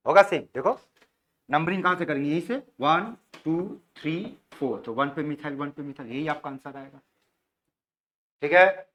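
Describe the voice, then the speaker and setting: Male chemistry teacher, slightly high voice, coaxing classroom drill style. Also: expressive, brisk, long pauses, fairly bright tone. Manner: coaxing, repeats answers, calls students beta.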